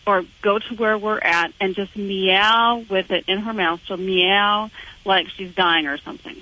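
Female phone-in caller, casual, sharp bright tone, telephone sound. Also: mid-range voice, fairly even intonation, unhurried. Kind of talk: casual chat. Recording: bright tinny telephone line.

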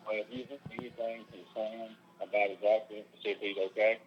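A man calling in as a phone guest, joking dryly in casual banter. His voice comes through a quiet, muffled phone line that sounds like he is inside a barrel. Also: on the low side, little pitch movement, fast talker, husky. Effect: muffled phone call that sounds like it is inside a barrel.

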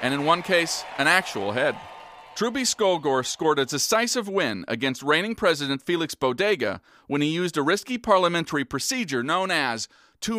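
A man playing an earnest, polished public-radio news host in a post-apocalyptic comedy, with deadpan delivery. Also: a little high.

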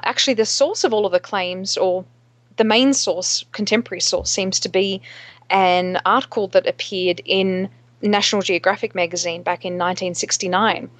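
Female co-host, medium pitch, very dry recording, casual and hesitant conversational delivery. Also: no room sound. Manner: halting, searching for words. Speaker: podcast co-host.

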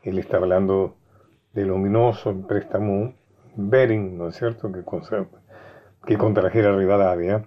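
A man's voice: low voice, fairly even intonation, normal speed. A man telling a history story in a conversational way, often checking in with his listeners. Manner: conversational, asks listeners for agreement. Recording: dull lo-fi recording.

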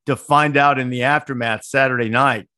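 Middle-aged male podcast co-host, mid-pitched, digressive chatter, dry close mic. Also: fairly even intonation, normal speed, sharp tone, no echo. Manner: rambling, digressive, many restarts. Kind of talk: casual sports chat.

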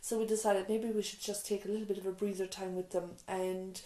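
Recorded in the echoey small room of an island nurse's surgery, a middle-aged Irish woman who nurses and raises children tells her story in reflective interview replies. She talks fairly quickly at medium pitch with little pitch movement, warm but full of restarts, asides and "you know".

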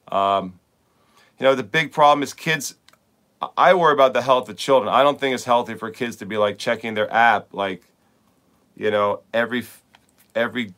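Middle-aged male coach-host, low-ish smooth voice, loose rambling podcast delivery with lots of "like.". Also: fairly bright tone. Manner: rambling, repeats words, frequent filler "like". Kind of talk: casual podcast monologue.

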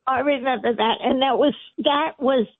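A woman in her eighties with a gravelly voice, speaking her mind casually as a caller over a narrow telephone line. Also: high voice, moderate pace, no echo. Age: 80s. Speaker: call-in radio listener. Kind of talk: casual opinionated phone-in talk. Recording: narrow, tinny phone line.

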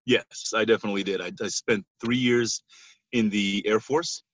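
A man's voice: lowish voice, steady tone, moderate pace, fairly bright tone, poor audio. A man from Israel, a sleep-deprived basketball coach, speaking as a guest in a casual interview in a thoughtful way with some hesitation.

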